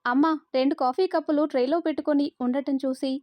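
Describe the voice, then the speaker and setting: A woman narrating a story in a steady, expressive reading voice. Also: high voice, fairly quick, no room sound, dull audio.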